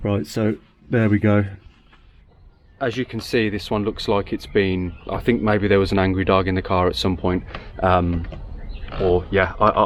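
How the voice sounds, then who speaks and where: Man, low even voice, casual DIY repair vlog, thinking aloud, faint background noise. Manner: chatty, thinks aloud while working, dry asides. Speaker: car repair channel host.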